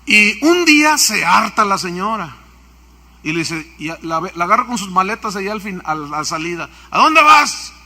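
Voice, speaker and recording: Lively preacher, high and bright. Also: male voice, moderate pace. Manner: storytelling, asking the audience questions. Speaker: pastor. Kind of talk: sermon.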